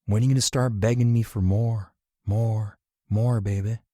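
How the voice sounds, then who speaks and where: Brief: man reading a swaggering rock star, very low voice, dry close sound. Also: steady tone, normal speed, dark tone, no room sound, close to an everyday voice. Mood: flirtatious.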